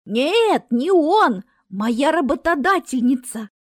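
A woman voicing an eager cheeky girl, high and excited, dry close sound. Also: slow pace, no room sound, exaggerated voice. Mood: cheerful.

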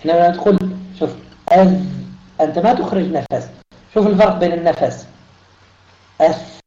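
A man's voice: fairly high pitch, fairly quick, mellow. A man teaching a recitation lesson online, explaining patiently and sounding out letters to demonstrate. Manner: switches between Arabic and German in explanation. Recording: roomy, dull online audio.

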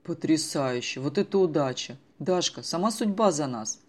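A woman voicing an excited teenage boy who talks briskly on the phone in an audiobook. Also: low-pitched. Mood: conspiratorial.

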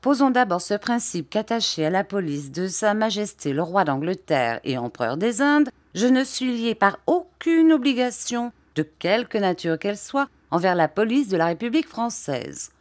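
A woman's voice: medium pitch, sing-song, moderate pace, few pauses, pitched above the performer's own voice, close to an everyday voice. A woman reading as Bobby, a boastful English detective. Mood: pompous. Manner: formal, self-important. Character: boastful, pompous English detective, thirty-year-old man.

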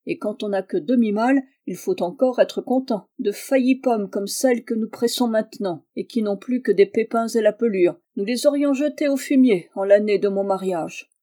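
A woman's voice: mid-range voice, moderate pace, hardly any pauses, mellow, lightly acted. A woman reading the part of an old male Breton peasant patriarch, cautious, with a dreamy, grumbling manner.

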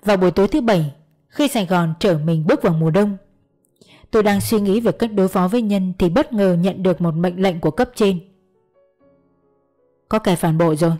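Woman reading an audiobook, calm and steady, mellow dark voice, faint music behind. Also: mid-range voice. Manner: calm, measured storytelling. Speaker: audiobook narrator. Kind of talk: scripted audiobook narration.

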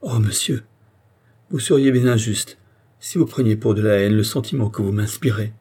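A man's voice: lowish voice, moderate pace, dark tone, husky. A man voicing an anguished young noblewoman torn by forbidden love, in an audiobook reading, pleading and exclamatory.

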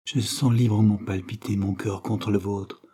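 A man reading a lovesick young prince's lines aloud in a fervent, declamatory way, raised and louder than his narration. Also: on the low side, fairly even intonation, a little slow, husky.

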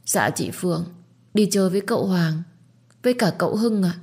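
A woman's voice: on the low side, moderate pace, a little mellow, husky. A woman doing a sugary, scheming young girl. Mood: wheedling. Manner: sugary, wheedling.

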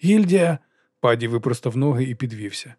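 A man reading a comic fantasy audiobook in an even storytelling voice. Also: mid-range voice, fast talker, no room sound, studio quality. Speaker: audiobook narrator. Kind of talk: scripted narration.

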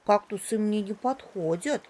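A woman doing a slow, sighing baby elephant. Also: medium pitch, a little mellow, lightly acted. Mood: shy, worried. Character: timid baby elephant boy, sighing and shy.

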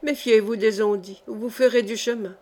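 A woman's voice: on the high side, fairly even intonation, normal speed, a little mellow, lightly acted. A woman reading the lines of a poor young orphan man who mocks old legends, in an audiobook. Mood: mocking. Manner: light, teasing storyteller.

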